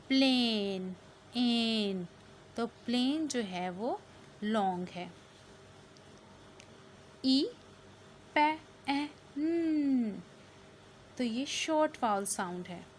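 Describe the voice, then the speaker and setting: A woman teacher giving a phonics lesson to students, switching between English and Hindi and stretching out each vowel sound. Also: mid-range voice. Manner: slow, drawn-out word-by-word teaching. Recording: faint background noise.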